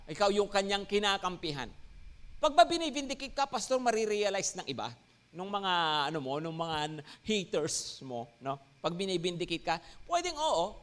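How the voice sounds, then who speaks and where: High-voiced Filipino pastor preaching. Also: male voice, clean tone. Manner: mixes Tagalog and English, frequent "no?" and "Amen?" check-ins; lively, rising emphasis on key words. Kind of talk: sermon.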